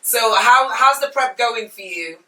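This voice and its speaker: A woman's voice: a little high, lively intonation, unhurried, pushed and bright, echoey room, distant mic, low-quality recording. A woman hosting a radio show, chatting with guests in the studio and laughing often. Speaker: radio host. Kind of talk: lively studio chat.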